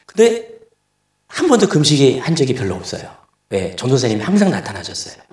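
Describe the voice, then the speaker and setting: A man's voice: medium pitch, wildly swooping pitch, a little fast, a little mellow. A middle-aged male pastor preaching a sermon, telling a family story and acting out the dialogue. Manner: storytelling, acts out dialogue in quoted voices. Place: church sanctuary. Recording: echoey church hall, distant mic.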